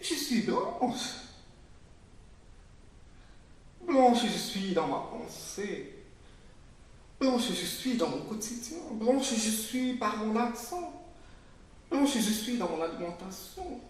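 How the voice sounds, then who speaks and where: A man's voice: very animated, slow, full character voice. A man reading as a fervent, defiant young woman. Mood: insistent. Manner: rising, insistent, rhetorical repetition. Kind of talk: literary reading. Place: public reading in a literary venue. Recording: very echoey room, voice from far off, faint rumble.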